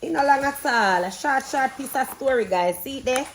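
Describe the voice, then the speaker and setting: Speaking at a normal speed in a high, animated voice over background noise, this Jamaican-accented woman vlogs like a parent at home. She chats bluntly and reads to the kids, breaking off to give instructions and ask them questions.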